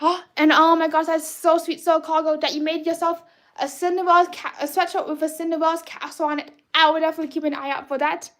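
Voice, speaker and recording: A woman's voice: extremely high pitch, level tone, quick pace, fairly bright tone. A woman hosting a live drawing stream, talking in a playful, childlike way, greeting viewers, and often restarting her sentences. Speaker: livestream artist host. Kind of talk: casual livestream chat while drawing.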